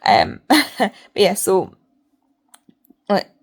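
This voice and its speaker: Female vlogger, casual and rambling, mid-pitched, speaks through a barely opened mouth, repeats words for emphasis. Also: very animated, extremely slow, vocal fry, breathy edge. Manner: talks with mouth barely open. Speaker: reading vlogger. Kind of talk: casual chat to camera.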